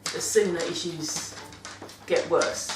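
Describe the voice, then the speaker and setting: Low-voiced British woman in a roomy space. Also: slow, background noise. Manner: chatty, rambling, self-correcting with laughs. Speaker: vlogger giving dog-care tips. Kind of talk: casual monthly vlog talk. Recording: roomy sound from a distant mic.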